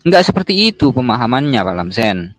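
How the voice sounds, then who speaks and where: A man calmly arguing a point in a religious debate, explaining to his opponent. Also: mid-range voice, a little fast.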